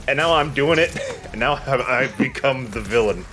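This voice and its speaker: A let's player commentates on his own gameplay in casual, self-deprecating chat. His medium-pitched voice is animated and sharp-toned, at a normal speed. The recording is rough, with slight background noise.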